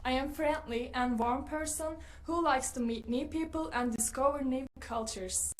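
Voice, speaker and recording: Woman aged 19, friendly contestant intro, high voice. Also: normal speed. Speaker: pageant contestant. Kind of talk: scripted self-introduction.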